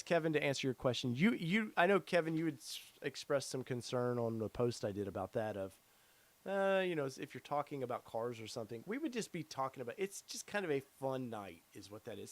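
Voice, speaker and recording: This middle-aged podcast host talks a little fast in a mid-range voice with big swings in pitch. Hosting a casual live stream, he rambles, fills gaps with filler words, and reads viewer comments aloud. He's losing his voice, which sounds tired and worn.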